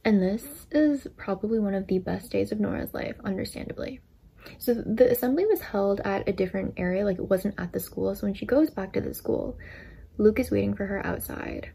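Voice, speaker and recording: A storytime vlogger in her twenties casually retells a book's plot into a desk microphone, chatty and full of filler words. Her mid-range voice is brisk, gravelly and warm, with slight background noise.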